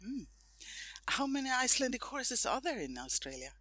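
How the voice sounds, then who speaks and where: A woman's voice: a little high, big pitch swings, normal speed, crowd noise. A woman hosting a podcast interview, asking questions in an enthusiastic, chatty way. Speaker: podcast host. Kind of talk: casual interview. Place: home in Sweden.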